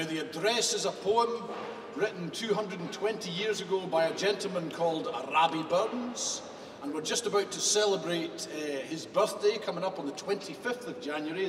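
A man with a Scottish accent speaking ceremonially to a dinner gathering, projecting in a theatrical way. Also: on the high side. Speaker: piper and master of ceremonies at a formal dinner. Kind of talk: live ceremonial speech and dramatic poem recital. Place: large museum hall, indoors, live event. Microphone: stand microphone through PA, heard by a far camera. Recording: distant echoey hall with clear noise.

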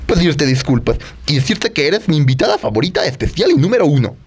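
A performer voicing a playful, excitable male puppet who hosts a children's show, in a theatrical, exclamatory way. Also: mid-range voice, fast talker, slightly rough. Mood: playful, eager. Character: lively mustached male puppet, playful, pleading show host. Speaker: children's religious show host.

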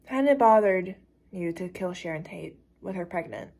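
A woman's voice: lowish voice, lively intonation, normal speed, a little mellow. A woman voicing a curious young woman who keeps pressing with questions, reading a dramatic script. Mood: prodding. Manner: questioning, prodding, incredulous.

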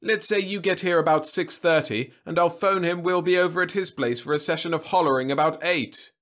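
A man voicing a gruff, sarcastic old male doctor with a savage edge. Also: a little high, a little fast, fairly bright tone, pitched above the performer's own voice, lightly acted. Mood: coaxing.

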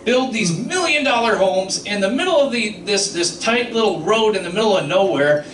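Telling trucking stories at normal speed, a middle-aged comic sounds high, animated and a bit bright, punctuating them with sound effects and asides to the audience. The clip, filmed from the crowd in a small club with his handheld mic, is distant and echoey, with a little hiss or hum and laughter.

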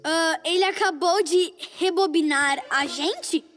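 A careful small boy superhero in a lizard suit speaks very high. He is earnest and a little worried, a cartoon figure with music behind. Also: unhurried, a bit bright. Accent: Brazilian. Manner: earnest, reproachful. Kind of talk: animated cartoon acting.

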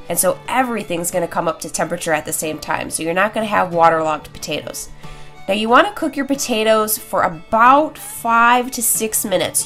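A woman's voice: mid-range voice, a bit bright. Stuffed-up young woman with a honking nasal voice. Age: young adult. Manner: chatty, playful. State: stuffed nose and sore throat. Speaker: cooking video host. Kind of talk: casual recipe tutorial. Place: home kitchen, indoors. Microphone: lapel mic. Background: music.

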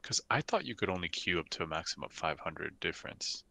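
A man's voice: low voice, very animated, fast, vocal fry, pushed and bright. A man streaming an online game and chatting with friends, easygoing and teasing. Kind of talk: casual gaming chat with friends.

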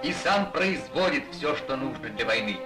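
A man's voice: mid-range voice, expressive, moderate pace, loud music behind the voice, low-quality recording. Man narrating an old wartime newsreel. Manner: solemn, declamatory.

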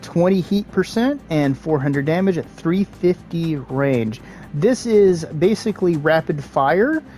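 Man giving relaxed casual game commentary. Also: a little high. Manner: relaxed, joking asides, occasional filler pauses. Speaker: gaming channel host.

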